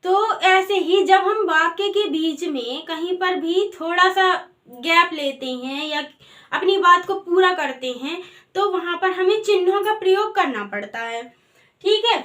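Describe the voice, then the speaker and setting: A woman's voice: very high-pitched, animated, measured pace, fairly bright tone. A woman teaching a grammar lesson in a patient way, asking the class questions and answering them herself.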